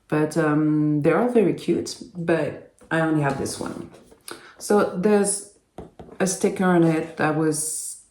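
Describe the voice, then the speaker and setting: A host with a French accent doing a casual doll unboxing, talking in a halting way and often pausing to search for words. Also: mid-range voice, creaky, a little mellow, echoey room. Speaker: doll collector and channel host.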